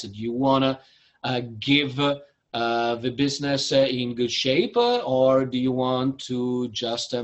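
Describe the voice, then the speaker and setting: A man with an Italian accent presents business advice on a video call. His pitch sits in a middle range for a man. He speaks earnestly and pauses often as he searches for words. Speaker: webinar presenter.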